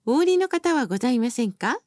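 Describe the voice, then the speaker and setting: A formal, polite woman voices recorded bus announcements, articulating each phrase with care at a quick pace. Her fairly high voice has a lively, musical lilt. The audio is dry and close-miked, with little sense of the room.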